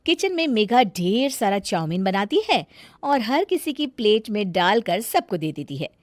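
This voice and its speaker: A woman narrating a family story in an expressive storybook reading style. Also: medium pitch, normal speed, dry recording, studio quality. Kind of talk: scripted narration.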